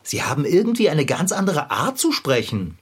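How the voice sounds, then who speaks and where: A woman plays a cheeky, blunt male character in a children's audio drama. The voice is fairly low and very breathy, and it leaps about wildly in pitch as he teases and questions. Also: huge pitch swings, moderate pace, exaggerated voice.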